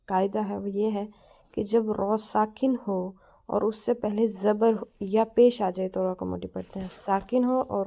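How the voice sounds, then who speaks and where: A woman teaching a Quran recitation lesson. She explains each rule patiently and says every example word slowly and clearly. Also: mid-range voice, warm tone. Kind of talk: tajweed lesson.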